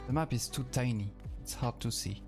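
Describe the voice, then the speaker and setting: A man's voice: mid-range voice, normal speed, music in the background. A man with a French accent, a native French speaker, chatting casually on a live stream while playing a game and answering his chat.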